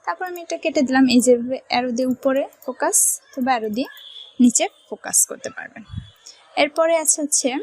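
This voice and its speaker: A woman with a Bangladeshi Bengali accent walks through a software lesson step by step. Her voice is fairly high and a little husky, recorded close and dry. She keeps checking in with the viewer as she explains. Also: fast, dry recording, rough recording. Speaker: computer tutorial teacher. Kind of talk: screen-recorded software tutorial.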